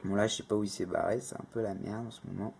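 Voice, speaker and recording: A man's voice: lowish voice, fairly even intonation, quick pace, vocal fry, a little mellow, slightly rough. A man hosting a casual phone tutorial, rambling and correcting himself often with lots of fillers. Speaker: tech tutorial host. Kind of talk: casual screen-recorded tutorial.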